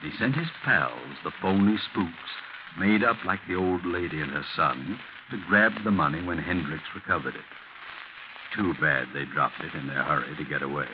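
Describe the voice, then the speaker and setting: A man playing a sinister, gloating, mocking mystery narrator in theatrical 1940s American radio style. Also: low voice. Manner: mocking, taunting, rhetorical questions. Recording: muffled, noisy 1940s radio recording.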